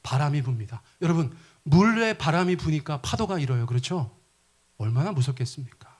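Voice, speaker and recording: A man's voice: a little high, expressive, fairly quick, darkish tone. A middle-aged male pastor preaching a sermon, asking the congregation questions and acting out quoted lines.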